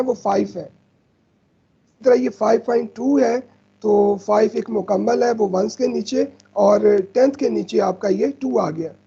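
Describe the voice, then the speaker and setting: A man's voice: sits high, gravelly, mellow, slightly rough, lo-fi sound. A man, patiently teaching decimals over slides and repeating himself often. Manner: patient, repeats "ठीक है" often, mixes in English terms. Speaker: math teacher.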